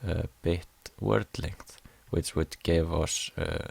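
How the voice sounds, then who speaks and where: A man's voice: deep voice, fairly even intonation, slow pace, gravelly, darkish tone, breathy edge, no echo. A young man from Iceland, hesitantly explaining a class assignment over slides, with many fillers. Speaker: music production student.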